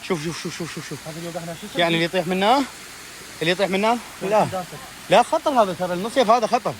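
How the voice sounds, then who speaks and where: A young man with an Iraqi Arabic accent vlogging an outdoor trip, excited and anxious, calling out warnings to friends. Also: high-pitched, rapid-fire, background noise. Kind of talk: outdoor adventure vlog. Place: outdoors by a waterfall.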